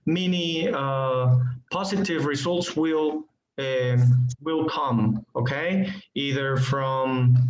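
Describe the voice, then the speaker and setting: A man teaching an online English class, talking slowly with many fillers and frequent "okay" checks. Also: a little high. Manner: slow, hesitant, many fillers and okays. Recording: muffled echoey room, faint noise.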